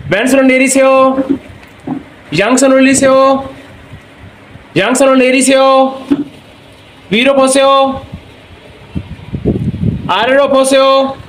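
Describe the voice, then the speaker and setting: A male language instructor giving brisk, repetitive classroom commands in a noisy room. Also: very high voice, fairly bright tone. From Pakistan.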